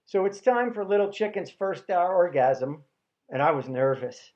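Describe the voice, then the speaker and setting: A man telling a comic personal story with a wry, deadpan delivery. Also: high voice, normal speed, dull audio.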